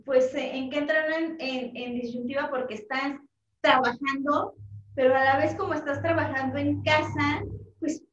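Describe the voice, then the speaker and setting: Woman, host, high voice, chatty, agreeable, echoey room, dull call audio. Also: steady tone, moderate pace, a bit bright, far from the mic. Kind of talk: casual panel chat.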